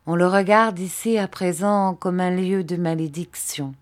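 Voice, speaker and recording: A quiet, gentle old fisherman, as a woman reader voices him. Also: on the low side, unhurried, lightly acted. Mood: subdued. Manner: quiet, subdued. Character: old fisherman, gruff but gentle man.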